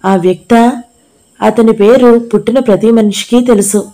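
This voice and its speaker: A woman reading the part of a gravely ill young woman dancer, speaking softly and with sorrow. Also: on the high side, fairly even intonation, normal speed, natural voice. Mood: sorrowful.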